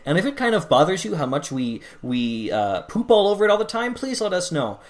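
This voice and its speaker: A man's voice: high-pitched, sing-song, a little fast. A man co-hosting a podcast in casual chat, rambling and hesitant with many restarts. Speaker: podcast co-host.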